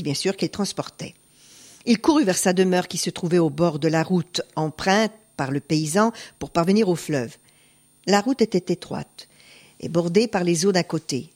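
A woman narrates a folk tale aloud with lively pitch, rising and dipping through each sentence. Her reading is expressive and engaged. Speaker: storyteller.

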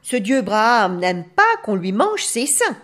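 A woman's voice: mid-range voice, sing-song, a little slow. A woman voicing an old grandfather wolf who gives gloomy warnings, in a raised voice. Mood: ominous.

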